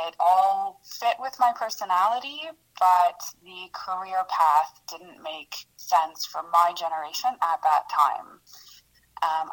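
Thirties woman, native Hungarian speaker, slightly low voice, candid and self-mocking guest. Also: a bit bright, rough recording. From Canada. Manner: candid, reflective, laughs at herself. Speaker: radio guest, producer. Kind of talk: interview.

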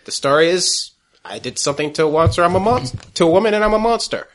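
Higher-pitched man in a tabletop game. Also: animated, quick pace, a bit bright. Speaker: player in a tabletop role-playing game. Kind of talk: casual in-character table talk.

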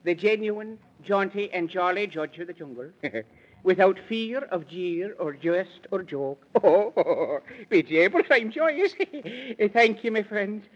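The same sort of muffled 1930s children's radio play features a man playing a whimsical, fretful lion king, now overjoyed. He uses a high, animated, heavily acted voice at a slow pace, dithering theatrically.

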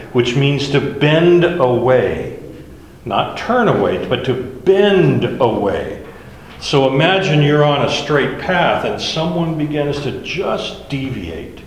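Man teaching a bible study, unhurried, animated pitch, echoey hall, faint room noise. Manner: explains verse by verse, conversational.

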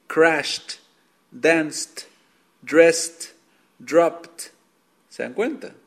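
A man teaching an online language lesson, patiently explaining rules step by step and repeating examples for his students. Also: mid-range voice. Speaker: English teacher.

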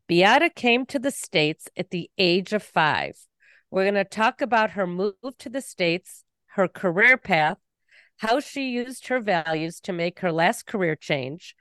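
Smooth-voiced woman hosting a podcast. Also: fairly low pitch, no room sound, studio quality. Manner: warm, measured host reading an introduction and asking questions. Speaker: podcast host. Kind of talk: interview host.

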